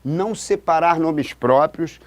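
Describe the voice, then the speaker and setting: A man's voice: a little high, slow pace, darkish tone. A man from Brazil, a writing teacher giving a lesson at a board, pointing things out as he writes. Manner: demonstrative, keeps pointing with "look". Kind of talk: classroom-style lesson at a board.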